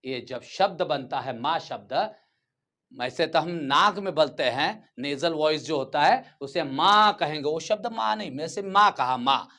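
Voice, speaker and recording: A man's voice: a little high, pushed and bright. A man teaching a grammar lesson to children, stretching out words and often asking whether they follow. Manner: repeats words slowly and checks understanding.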